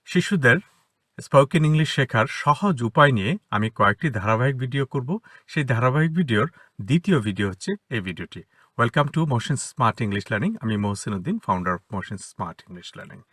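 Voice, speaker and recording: A man with a Bengali accent teaches spoken English to children, his pitch moving in a lively way as he explains step by step. His voice is bright with a slight huskiness. The sound is dry and close, recorded inside a parked car. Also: no echo. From Bangladesh. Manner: explanatory, repeats example words slowly. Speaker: English teacher, academy founder.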